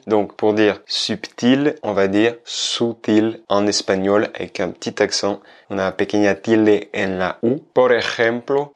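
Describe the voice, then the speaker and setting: A man teaching Spanish vocabulary in a video lesson, explaining clearly and slowly. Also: fairly low pitch. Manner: clear, slow explaining, switching between French and Spanish.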